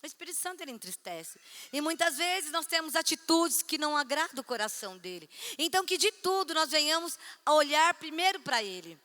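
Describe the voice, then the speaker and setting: A woman's voice: high voice, big pitch swings, brisk, bright, forceful tone. A woman pastor preaching at a church conference, chatty and storytelling, acting out conversations. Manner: chatty, storytelling, acts out dialogue. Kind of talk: conference sermon. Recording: echoey church hall.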